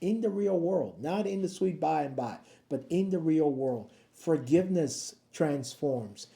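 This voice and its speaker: A man's voice: a little high, lively intonation, a little slow, gravelly, warm tone. A man, a pastor, giving a daily devotional Bible talk to the camera, chatty and often checking in with his listeners. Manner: conversational, keeps checking in with "okay?" and "right?". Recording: echoey room.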